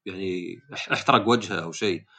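A man's voice: low-pitched, fast, pushed and bright. A man hosting a podcast in casual conversation, asking long probing questions. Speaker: podcast host.

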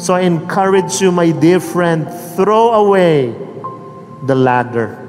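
A man preaching a sermon at a worship gathering, slow and emphatic, moving between English and Filipino as he tells a story. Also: high voice, a little mellow. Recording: hall reverb with faint music.

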